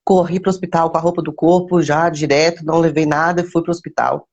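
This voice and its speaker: Woman, gravelly fry, faith testimony, repeats phrases for emphasis, greets live viewers. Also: low-pitched, fairly even intonation, quick pace, a little mellow, lo-fi sound. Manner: addresses viewers by name mid-story. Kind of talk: personal testimony, casual storytelling.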